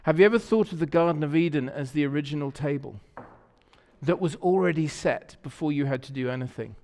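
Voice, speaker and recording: Here a pastor talks fairly quickly in a slightly high voice, preaching conversationally from a church sanctuary. His storytelling is warm, and he tends to repeat words when he's reaching for the next one. The sound carries the reverb of a church hall.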